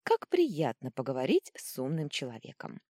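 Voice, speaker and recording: Woman reading a mischievous young noblewoman, playful, coquettish, animated, dry close sound, audiobook. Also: a bass voice, normal speed, no room sound, exaggerated voice.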